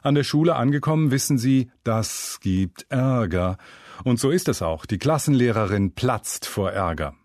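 In a wry storytelling style with lively intonation, a medium-pitched male voice reads a scripted humorous tale at a moderate pace. He's recorded close on a studio microphone, with no room sound.

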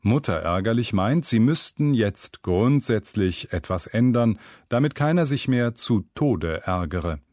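A lowish male voice tells a scripted humorous story a bit slowly, barely pausing, in a wry storytelling way with lively intonation. Recorded close on a studio mic, the audio has no echo.

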